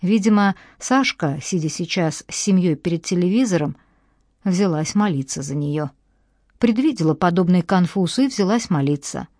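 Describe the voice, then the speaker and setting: A woman narrating an audiobook in a measured storytelling manner, recorded close to the mic. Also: fairly low pitch, expressive, dark tone, no echo. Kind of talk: scripted narration.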